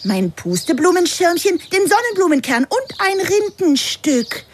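A woman's voice: extremely high pitch, sing-song, measured pace, heavily acted. A woman playing a scatterbrained, nervous young female lizard in a children's audio drama, eager and childlike. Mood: busy, chatty.

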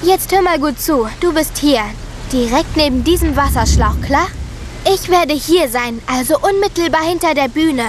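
A woman's voice: high voice, moderate pace, a little hiss or hum, lightly acted. A woman voicing a bossy scheming little girl. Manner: bossy, commanding. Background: music.

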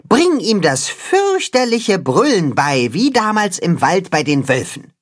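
A clever cat-hen from a children's storybook barks out orders, as a man puts her on. The voice is raised, brisk and commanding, swinging widely in pitch with a husky grain. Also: very animated, exaggerated voice. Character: clever cat-hen, bossy little leader.

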